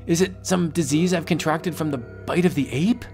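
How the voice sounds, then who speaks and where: An arrogant, bullying hunter who lords it over everyone, as a man puts him on. The voice sits slightly high and commanding, in a storybook reading with faint music underneath. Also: normal speed, a little mellow, natural voice. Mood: uneasy. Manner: arrogant, domineering, later panicked. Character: cruel obsessed male big-game hunter.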